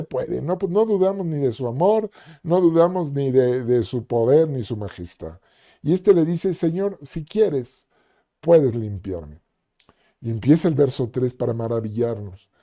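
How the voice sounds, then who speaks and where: Preacher with a dark voice. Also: male voice, medium pitch, big pitch swings, unhurried. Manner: conversational, acts out quoted voices, frequent "ujú" fillers. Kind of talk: sermon.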